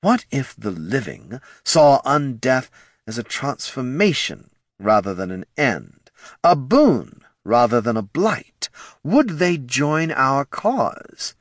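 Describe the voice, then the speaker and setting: A man voicing a grand skeletal male lich lord who speaks slowly and ominously. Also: mid-range voice, sing-song, fairly bright tone, dry recording, clean studio sound, pitched above the performer's own voice, full character voice. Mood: grandiose. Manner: slow, drawn-out, ominous.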